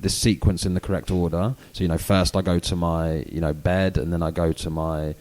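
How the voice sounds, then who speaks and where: A man's voice: sits low, level tone, a little fast, a little mellow. A British man with a chavvy accent, chatting casually and informally as a co-host explaining things, in a rambling way. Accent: British, self-described chavvy. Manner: informal and rambling, many "you know"s. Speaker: podcast co-host. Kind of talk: casual educational chat.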